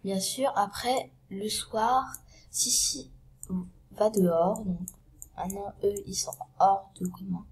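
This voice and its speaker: Setting out props as she goes, a vlogger who has a cold retells a story in a casual, unscripted way at a slow pace and in a mid-range voice. She keeps stumbling and restarting, fills gaps with fillers, and often fades to a hushed, breathy half-whisper.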